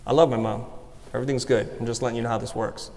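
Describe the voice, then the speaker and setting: A man speaks from a stage in an earnest, personal way, walking listeners step by step through an exercise. His voice sits at an ordinary middle pitch. A long reverb from the hall hangs after each phrase. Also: fairly even intonation, racing, gravelly, darkish tone. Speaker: speaker giving a talk. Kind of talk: motivational talk.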